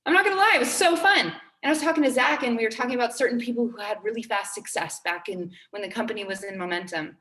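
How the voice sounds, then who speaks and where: A woman's voice: fairly high pitch, fast, hardly any pauses, fairly bright tone, echoey room. A woman in her twenties giving a motivational talk to her team, earnest and upbeat, repeating key phrases for emphasis. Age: 20s. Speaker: team trainer.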